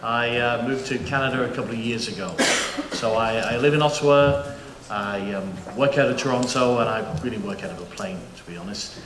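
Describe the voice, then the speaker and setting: A fairly quick, mid-range male voice belongs to a British panel moderator presenting at a conference. He's jokey and chatty, with frequent fillers and restarts, and the echoey auditorium carries faint room noise.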